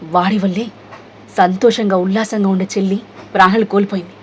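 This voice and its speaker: A woman's voice: medium pitch, steady tone, brisk, slight background noise, natural voice. Woman reading a gloating, vengeful young man.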